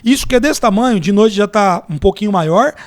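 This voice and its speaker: Fast-talking Brazilian man telling stories. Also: sits high, lively intonation, no room sound, studio quality. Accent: Brazilian Portuguese. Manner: storytelling, tells anecdotes and parables with acted-out quotes. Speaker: podcast guest, entrepreneur and mentor. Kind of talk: casual podcast conversation.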